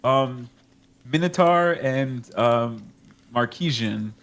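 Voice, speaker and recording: A man's voice: medium pitch, expressive, takes it slowly, fairly bright tone. A man playing in an online tabletop game, chatting casually and rambling in loose restarts over voice chat. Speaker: player. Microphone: computer mic over voice chat.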